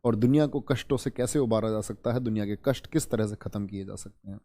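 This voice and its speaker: A man's voice: lowish voice, quick pace, dark tone, no echo, studio quality. Man teaching an online history class. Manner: repeats key terms and quizzes students; addresses students as children.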